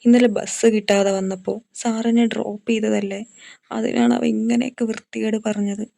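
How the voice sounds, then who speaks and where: A woman's voice: mid-range voice, fairly even intonation, normal speed, gravelly, a little mellow, no room sound, voice pushed up. A woman voicing a distressed young woman teacher who is crying and speaks in choked, faltering words. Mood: distraught.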